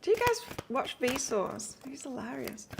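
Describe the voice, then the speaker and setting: A woman's voice: high voice, big pitch swings, unhurried, gravelly, very noisy. A woman from the north of England with an accent mixed between northern English and Australian, giving a casual live-stream tarot reading in a chatty, rambling way and chatting with her viewers between cards. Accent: mix of northern English and Australian. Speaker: tarot reader.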